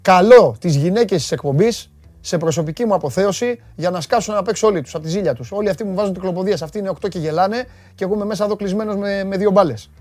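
A man hosting a live stream, greeting viewers and reading their comments in a playful, teasing way with sudden loud bursts. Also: sits high, no room sound. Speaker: host.

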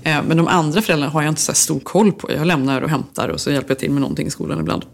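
A woman's voice: sits low, creaky. A woman in her thirties co-hosting a casual chat, telling stories and acting out what others said. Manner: chatty storyteller, acts out others' lines. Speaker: podcast co-host.

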